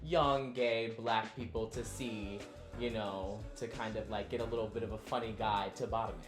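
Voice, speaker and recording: A man's voice: lowish voice, fairly even intonation, moderate pace. A man speaking as a guest in a casual, conversational chat. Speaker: actor guest on the show. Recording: roomy echo, music behind.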